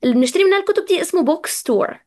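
High-voiced Egyptian woman teaching English. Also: animated, darkish tone. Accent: Egyptian Arabic. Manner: repeats English words slowly to drill pronunciation; chatty, addresses students directly. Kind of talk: casual live vocabulary lesson.

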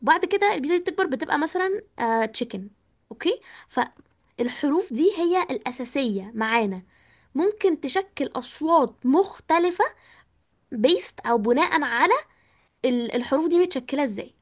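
A woman's voice: sits high, lively intonation, fairly quick. A woman with an Egyptian Arabic accent teaching an online English class, patiently explaining and asking students questions, with English words mixed into her talk.

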